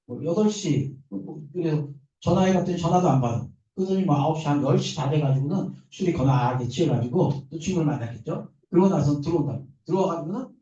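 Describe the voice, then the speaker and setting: Guy giving a parenting lecture, acts out the lines, kinda high voice, far off in a big echoey room. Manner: lively, acts out parents' and kids' quoted lines. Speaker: lecturer on adolescent counseling. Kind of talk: recorded lecture. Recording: distant, echoey, muffled room recording.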